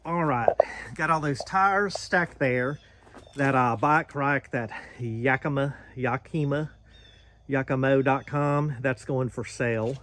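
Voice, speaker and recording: Speaking slowly in a mid-range, slightly bright voice, this American vlog host talks informally to his audience as he tinkers on projects around the garage and yard. He's folksy and thinks out loud while working.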